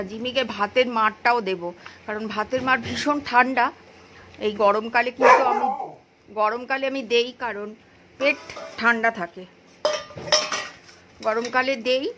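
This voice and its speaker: A woman's voice: on the high side, background noise. A woman with a Bengali accent chatting to her pet dogs and her viewers in a coaxing, sing-song voice. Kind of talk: casual chat to pets and viewers.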